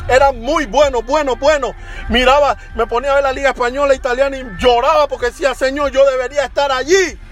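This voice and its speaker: A man preaching a sermon with fervor, rising into shouts and sung phrases. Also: very high-pitched, steady tone, fast talker, soft background music.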